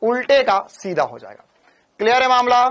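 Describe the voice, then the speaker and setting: A man's voice: very high voice, big pitch swings, normal speed, a bit bright. A male physics teacher giving an online coaching class, repeating phrases and firing questions at his students. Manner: keeps asking viewers to confirm and give a thumbs up.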